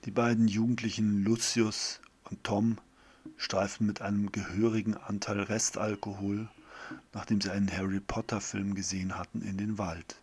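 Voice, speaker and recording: A man's voice: on the low side, flat delivery, moderate pace, darkish tone, husky. A man reading a homemade story aloud in a plain way, with slips and restarts.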